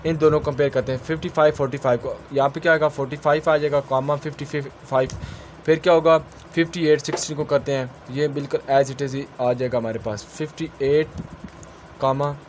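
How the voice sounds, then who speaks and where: With a medium-pitched, steady voice, a male tutor runs through a quick exam-revision lecture, questioning and answering himself step by step and using technical English terms. A little hiss or hum is audible.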